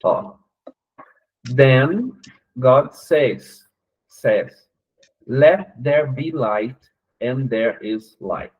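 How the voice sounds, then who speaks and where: Slow husky Brazilian man teaching. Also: medium pitch. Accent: Brazilian Portuguese. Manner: patient, explains step by step with frequent "né?" checks. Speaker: English teacher. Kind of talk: online class explanation. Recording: tinny narrowband online call audio.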